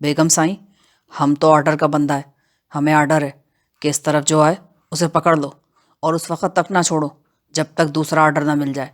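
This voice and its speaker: Woman reader doing a mocking bandit chief, lowered rough voice, rustic and boastful, for an audio novel. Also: flat delivery, long pauses, natural voice. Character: swaggering male bandit, bearded, menacing.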